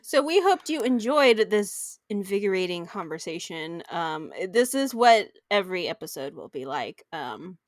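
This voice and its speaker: A woman co-hosting a casual podcast, bubbly and given to excited gasps, her voice coming through a tinny backup microphone. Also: fairly low pitch, moderate pace, few pauses, no echo, clean studio sound. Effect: tinny, like talking through a tin can. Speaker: podcast co-host. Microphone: makeshift backup microphone.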